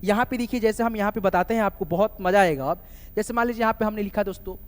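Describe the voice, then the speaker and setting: A man's voice: high voice, quick pace, long reverb tail. A man teaching a casual spoken lesson, spelling words out letter by letter and calling his viewers friends over and over. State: sweating from heat. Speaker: online English teacher.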